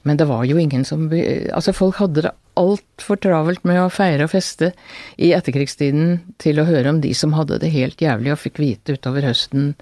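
An older woman, an author, speaks in an earnest, halting way, often restarting her sentences as she recounts family history. Her voice is mellow and dark in tone, recorded dry and close with no room sound. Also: deep voice, no room sound. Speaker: author guest. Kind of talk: reflective interview talk.

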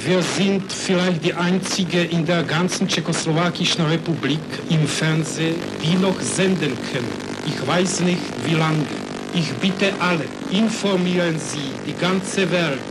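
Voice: mid-range voice, loud music behind the voice. Voice on a clandestine broadcast, Czech accent. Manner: slow, halting non-native German. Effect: clandestine broadcast picked up off the air. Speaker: television announcer. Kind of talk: urgent appeal to foreign listeners. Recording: noisy, distant off-air broadcast recording.

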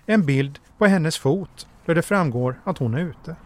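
A man giving calm, measured, scripted narration as a documentary narrator. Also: on the high side.

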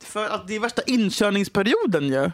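A young adult woman co-hosting a podcast in casual chat, animated and swearing freely, laughing often. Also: mid-range voice, slight background noise. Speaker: podcast co-host.

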